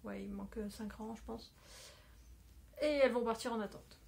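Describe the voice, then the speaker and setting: A knitting podcaster talks casually to her phone camera indoors at home, her voice fairly high and darkish with vocal fry, at normal speed. She rambles in this video chat with many fillers and self-corrections.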